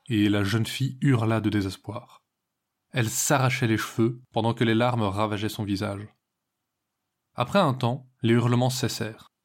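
A man telling a legend in measured scripted narration, pausing for drama. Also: on the low side. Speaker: storyteller.

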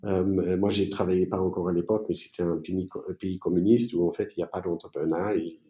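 A man from East Germany, a native German speaker, answering interview questions in a halting way with many fillers and restarts. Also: deep voice, little pitch movement, dark tone, echoey room. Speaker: entrepreneur guest.

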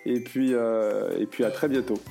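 A man hosting a podcast interview, talking in a relaxed way with many hesitations. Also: mid-range voice, measured pace, gravelly, faint music behind. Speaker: podcast host.

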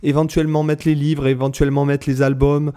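A man's voice: a little high, flat delivery, fairly quick, warm tone, clear, resonant tone. A man hosting a podcast in casual chat, rambling and hesitant, often repeating words as he goes. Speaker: podcast host.

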